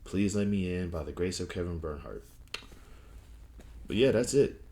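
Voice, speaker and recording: A young man who lisps and stutters rambles through an offhand opinion piece as a wrestling vlogger, full of fillers and restarts. His low voice is mellow and expressive, moving at a normal speed.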